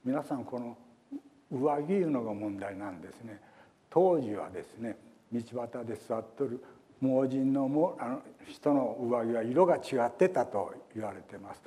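Older man, pastor, folksy sermon, warm mellow voice. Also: medium pitch, expressive, normal speed. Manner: folksy, chatty, acts out quotes.

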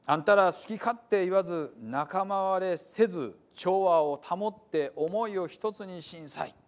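A man's voice: sits high, measured pace. Man reading scripture in Hiroshima dialect.

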